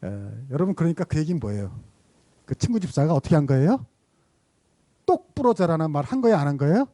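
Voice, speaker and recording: A man's voice: on the high side, sing-song, fast, mellow, no room sound. A male pastor preaching a sermon, telling stories and asking the congregation questions. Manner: storytelling, asks the congregation questions.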